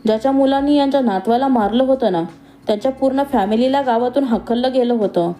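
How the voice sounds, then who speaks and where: A woman's voice: fairly high pitch, quick pace, dark tone, faint music behind, close to an everyday voice. A woman voicing an older housekeeper who confides house gossip and warns in a cautious way. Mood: confiding. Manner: warning, confiding.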